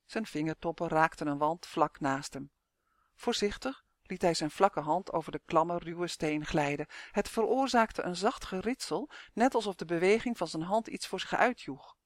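Male audiobook narrator, high voice, lively, dry close recording. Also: moderate pace, no echo. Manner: lively, expressive storytelling. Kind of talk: scripted narration of a children's fantasy audiobook.

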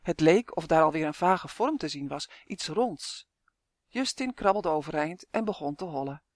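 A lively audiobook narrator reading a children's fantasy tale. The reading is expressive, at a middle pitch. The recording is dry and close, with no room sound. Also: moderate pace, dry recording. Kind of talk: scripted storybook narration.

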